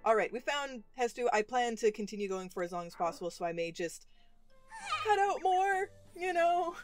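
A woman's voice: a little high, sing-song, moderate pace. A woman hosting a let's play, chatting playfully while she plays and talks back to the characters. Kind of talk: casual gameplay commentary. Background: game music.

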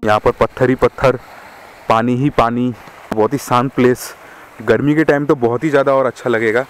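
A man's voice: mid-range voice, fairly even intonation, normal speed, faint music behind. A young man narrating a travel vlog at a rocky waterfall, chatting and showing viewers around, with a phone camera held at arm's length. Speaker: vlogger. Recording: outdoor noise behind.

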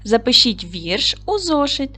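A woman's voice: on the high side, very animated, measured pace, pushed and bright. Woman teaching a children's video lesson. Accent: Ukrainian. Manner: clear, patient, instructive tone addressing children. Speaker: primary school teacher.

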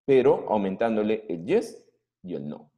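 A man teaches a grammar lesson in a warm, mellow voice. His pitch climbs and drops a lot as he explains. He is patient and keeps checking that the class is following. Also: big pitch swings, unhurried. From Peru. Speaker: English teacher.

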